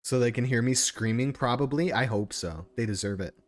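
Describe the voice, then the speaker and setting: A man gives casual live-stream game commentary, irreverent, sweary and easily distracted. His voice is mid-range and brisk, with faint background noise in the recording.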